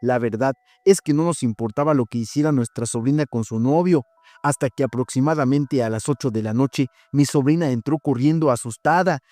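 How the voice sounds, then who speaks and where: A man who hosts a horror story channel, reading listeners' stories in a steady, measured voice. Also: mid-range voice, no echo. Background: faint background music.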